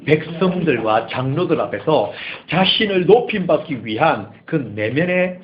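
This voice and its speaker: A male pastor preaching a sermon in church, animated and dramatic. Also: sits high, highs cut off, slight background noise. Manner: animated preaching, acting out scripture quotes.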